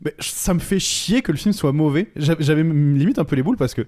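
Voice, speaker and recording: A young man co-hosting a casual film podcast, talking excitably with frequent swearing and self-corrections. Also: fairly high pitch. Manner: rapid, excitable, swears and restarts a lot. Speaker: co-host film critic.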